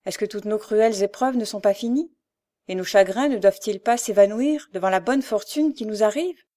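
A woman's voice: medium pitch, moderate pace, warm tone, lightly acted. A woman voicing an overjoyed, eager poor working man in an audiobook, speaking in exclamations. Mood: anxious. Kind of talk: audiobook character voice.

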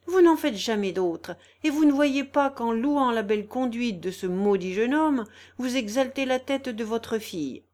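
A woman voicing a scolding, sharp-tongued older housekeeper who chides loudly in a storybook reading. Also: fairly high pitch, a little slow, hardly any pauses, natural voice. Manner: loud, chiding, exasperated.

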